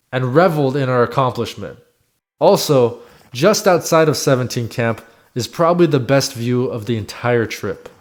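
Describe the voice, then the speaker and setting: A man reading a scripted first-person voice-over about his own expedition in a reflective storytelling way. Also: mid-range voice. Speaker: climber narrating own expedition.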